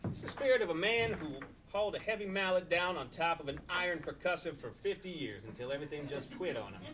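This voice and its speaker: Old man, carnival hand, weary, folksy, lively intonation, improv comedy, acted by a performer, noisy recording. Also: mid-range voice, quick pace, natural voice. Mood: weary, wistful. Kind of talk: live improv comedy scene. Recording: noisy live stage recording.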